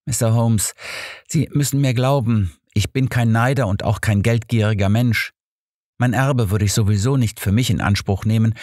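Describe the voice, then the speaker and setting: A man's voice: lowish voice, a little mellow, dry recording, studio quality, close to an everyday voice. A man voicing an earnest young male pastor who justifies himself in an audiobook. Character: young male pastor, bitter, defensive confessor.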